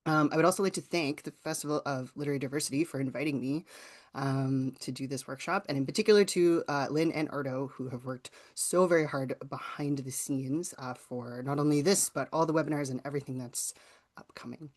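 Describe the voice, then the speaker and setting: A writing teacher from rural southwestern Ontario, Canada, speaks with a Canadian accent in a mid-range, brisk voice. She gives an informal online workshop presentation, conversational and explanatory in style.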